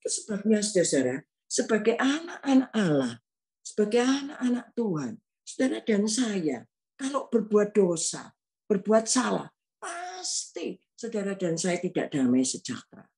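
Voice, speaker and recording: A woman's voice: mid-range voice, sing-song, a little slow, darkish tone, slightly rough. A woman in her eighties with a Javanese accent, preaching in a homely, conversational way and telling a personal story to her listeners. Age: 80s. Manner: homely, addresses listeners often as brothers and sisters.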